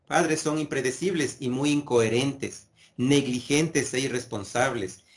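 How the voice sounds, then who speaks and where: A man giving a video lesson on mental health, earnest and explanatory, with frequent pauses and self-corrections as he works through his points. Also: mid-range voice.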